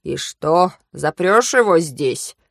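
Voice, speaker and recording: Woman voicing a gruff old male mentor. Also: low voice, expressive, takes it slowly, no echo, clean studio sound, heavily acted. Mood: stern. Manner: lecturing, shouting in anger.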